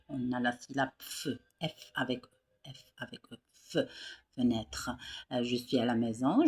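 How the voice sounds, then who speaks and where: A male teacher giving a slow, patient reading lesson to young children. He repeats words and syllables and speaks to the pupils as dear students. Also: mid-range voice, breathy edge.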